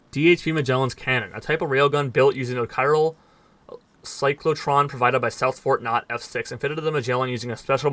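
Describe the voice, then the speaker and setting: With a medium-pitched, slightly bright voice and no echo, a man who plays games for an audience reads the in-game text out quickly. He occasionally trips over words and adds dry asides.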